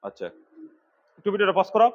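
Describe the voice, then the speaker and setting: A middle-aged man from Bangladesh, an instructor giving a fast classroom lecture, scolding and urging his students. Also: high-pitched, very animated, dull audio. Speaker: computer course instructor.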